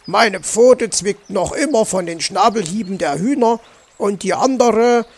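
A man's voice: sits high, unhurried. A man voicing a grumpy, stingy male fox uncle in a children's audiobook, talking in an indignant grumble. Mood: grumbling.

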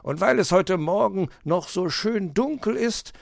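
A man's voice: sits high, unhurried, creaky, no room sound, clean studio sound, voice pushed up, exaggerated voice. A man doing a proud, fussy fox. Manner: lively, self-satisfied and huffy. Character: fussy, proud male fox, fond of gadgets.

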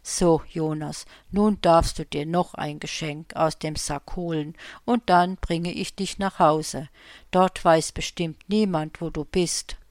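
A woman voicing a kindly, patient old Saint Nicholas in a storybook reading, speaking softly and reassuringly. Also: low-pitched, steady tone, slow pace, no room sound, clean studio sound. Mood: kindly firm. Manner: soft, reassuring, fatherly.

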